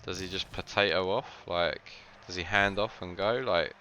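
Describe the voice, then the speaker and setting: A man's voice: sits low, fairly even intonation, moderate pace, sharp tone, lo-fi sound, soft background music. A man giving casual commentary on a game match, rambling with lots of filler words and frequent laughs.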